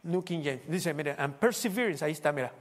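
A pastor preaches and reads scripture with a somewhat high voice, breaking into loud, rising exclamations. His voice rings with long reverb in a church hall. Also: lively intonation, fairly quick. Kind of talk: sermon.

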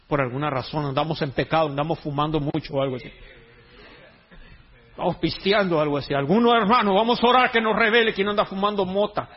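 Husky-voiced preacher, joking and lively. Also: male voice, a little high, quick pace, lo-fi sound. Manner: joking, conversational preaching with Mexican slang. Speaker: pastor. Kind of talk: sermon.

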